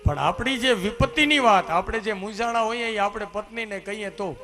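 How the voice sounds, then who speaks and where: Animated preacher guy, fairly high voice, bit of music in the back. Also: a little fast. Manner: animated, rising to loud exclamations. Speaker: katha preacher. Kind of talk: sermon storytelling.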